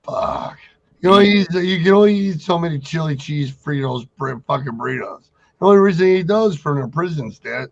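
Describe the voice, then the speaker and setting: Rambling, higher-pitched man on dull audio. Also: expressive, normal speed, vocal fry. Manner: rambling, blunt, heavy swearing. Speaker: co-host of a trucking talk show. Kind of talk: casual, profane banter.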